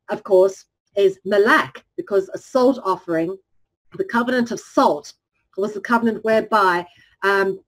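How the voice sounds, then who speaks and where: Captured in a rough recording, a woman presents in lecture style with a medium-pitched, slightly mellow voice. Her delivery is measured, broken by frequent ums and restarts, and she stretches out important words slowly.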